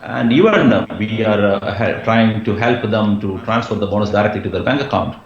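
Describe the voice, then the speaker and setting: A man's voice: fairly low pitch, brisk. A man as a guest trainer on a live-stream business talk, explaining earnestly and reassuringly. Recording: muffled, roomy remote audio.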